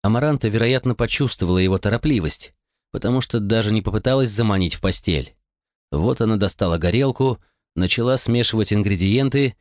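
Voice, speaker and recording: A man narrating an audiobook in an expressive, dramatic reading. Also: lowish voice, brisk, no room sound, clean studio sound. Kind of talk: scripted narration.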